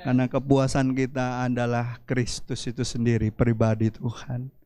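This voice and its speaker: A man preaching a church sermon as pastor, with dramatic swings of pitch and loudness. Faint music plays behind him. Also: level tone, moderate pace.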